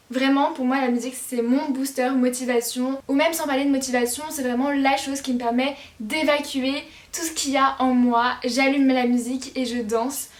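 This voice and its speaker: A teenage woman vlogging to her viewers in a chatty, reassuring way, with frequent hesitations. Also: high-pitched. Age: teens. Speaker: lifestyle vlogger. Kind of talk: casual talk to camera. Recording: roomy echo.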